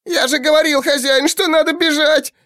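A small goblin servant, frightened out of his wits, squeaking far above a normal man's pitch. He stammers and whines, his teeth chattering. The storybook reading is close and dry. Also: fairly even intonation, moderate pace, a bit bright, dry recording. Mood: panicked whine.

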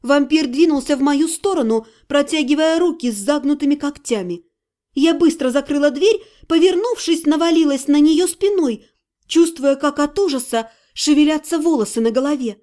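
A woman narrating a first-person fantasy audiobook in an expressive storytelling manner. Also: high-pitched, normal speed. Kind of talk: scripted narration.

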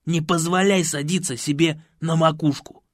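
A man voicing a brash, overbearing male character in an audiobook, loud and lecturing. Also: a little high, fairly even intonation, normal speed, no room sound, studio quality, lightly acted.

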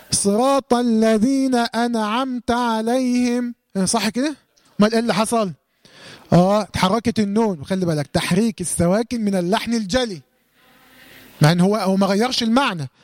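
A man with an Egyptian Arabic accent teaching Quran recitation to a class, quizzing them with questions and demonstrating words slowly. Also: high voice. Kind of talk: lesson to a class.

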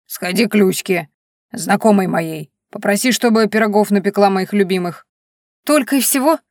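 A woman's voice: medium pitch, moderate pace, no echo, clean studio sound, natural voice. A woman voicing a stubborn old forest spirit. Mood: cunning. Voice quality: mumbling, lisping old man's speech. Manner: stubborn, contrary, cunning. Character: hard-of-hearing old male forest spirit, stubborn and grumpy. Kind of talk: audiobook reading.

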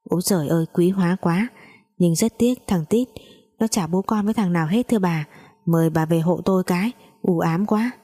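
Woman reads a scolding storybook mother, biting sarcasm, mellow low tone. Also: a little fast, close to an everyday voice. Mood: sarcastic. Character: sharp-tongued scolding mother.

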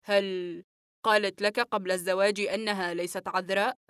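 A woman reading the part of a calm male psychiatrist in an audiobook, speaking slowly and evenly. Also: medium pitch, smooth, no room sound, studio quality, lightly acted. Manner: calm, slow, measured.

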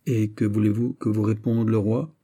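A man's voice: fairly low pitch, little pitch movement, normal speed, warm tone. A man voicing a proud queen mother in an audiobook, stern and admonishing. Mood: reproving. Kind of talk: audiobook character voice.

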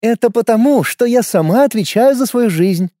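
A self-assured older woman who lectures with easy confidence, as a male narrator puts her on. Her voice rides high and swings widely. The storybook reading sounds close and dry. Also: animated, brisk, dark tone, no echo. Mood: lecturing, breezy. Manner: lecturing, knowing.

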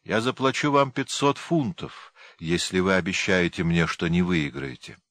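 A man reading an audiobook, voicing a menacing adult man who speaks in a hoarse half-whisper, sinister and coaxing. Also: deep voice, big pitch swings, normal speed, a bit bright, heavily acted.

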